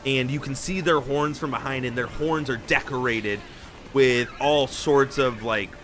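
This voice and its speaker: A man narrating a tabletop game as game master, relaxed and rambling. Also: medium pitch, measured pace, soft background music.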